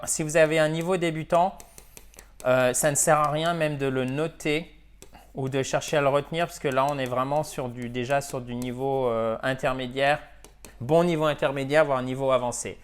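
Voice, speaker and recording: A man's voice: fairly high pitch, fairly even intonation, normal speed, smooth. A man teaching English in a video lesson, drilling pronunciation by repeating words and checking in with "ok?". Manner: switches between French and English.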